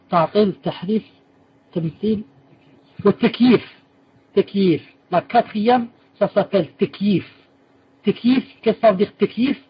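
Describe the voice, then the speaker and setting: A man's voice: high-pitched, breathy edge, lo-fi sound. A man teaching a religious lesson and answering students' questions, patiently repeating key terms and correcting himself as he explains.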